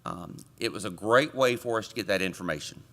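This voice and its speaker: Guy reading out a committee report at a conference, bright tense voice, lowish pitch, cracks jokes at the crowd. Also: fairly quick. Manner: relaxed, with joking asides to the audience. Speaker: committee chair giving a report. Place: conference meeting room.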